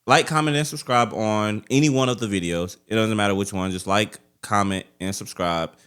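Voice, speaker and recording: A man's voice: fairly low pitch, moderate pace, a bit bright, clear, resonant tone. A man co-hosting a podcast, chatting casually in a slangy way. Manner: slangy, often tags lines with man, dog or bro. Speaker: podcast co-host. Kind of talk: casual chat.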